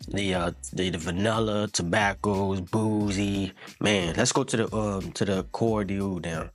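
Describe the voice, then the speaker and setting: A man's voice: sits low, fairly even intonation, unhurried, faint music behind. A man giving a casual fragrance review in a laid-back, slangy way, often repeating himself and calling the listener "man".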